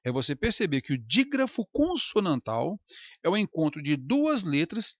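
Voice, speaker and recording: Lively teacher drawing out words. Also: male voice, on the high side, dry recording, studio quality. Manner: lively, stretches out example words slowly. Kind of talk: recorded grammar lecture.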